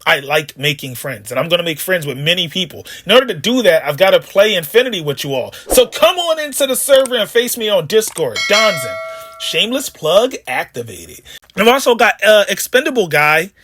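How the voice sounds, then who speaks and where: A man with a high, bright voice rambles through a casual card game deck breakdown, cracking jokes and wandering into asides. The sound is close and dry, with no room around it. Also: very animated, a little fast, hardly any pauses, no room sound. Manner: rambling, chatty, jokey asides. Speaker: card game video host. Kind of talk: casual deck profile commentary.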